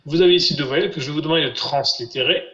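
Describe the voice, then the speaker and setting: A man teaching a live online class, patiently repeating syllables slowly for his students over a video call. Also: fairly high pitch, pushed and bright. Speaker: Biblical Hebrew teacher. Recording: roomy, dull lo-fi sound.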